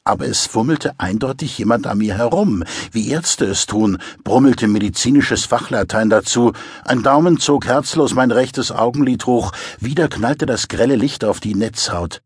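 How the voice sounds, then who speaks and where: A man narrating a crime novel audiobook in the first person, with measured, dryly wry storytelling. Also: medium pitch, breathy edge, no room sound, studio quality.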